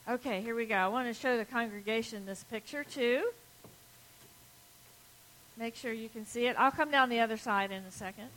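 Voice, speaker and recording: A woman's voice: a little high, normal speed, long pauses, a bit bright, rough recording. A woman giving a children's sermon in the manner of a kids' show host, asking simple questions and leaving time for answers. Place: large church sanctuary, before a congregation.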